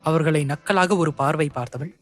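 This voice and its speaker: A man narrating an audio novel in a steady, measured storytelling manner. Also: a little high.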